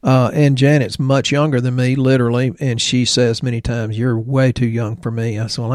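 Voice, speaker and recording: A man's voice: medium pitch, a little mellow, no echo, clean studio sound. A man in his sixties co-hosting a health podcast, chatting casually in a rambling way with joking asides. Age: 60s. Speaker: podcast co-host, health practitioner.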